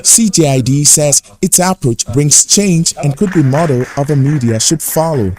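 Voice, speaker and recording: A male news correspondent narrating a scripted report in a measured, even delivery. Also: a little high.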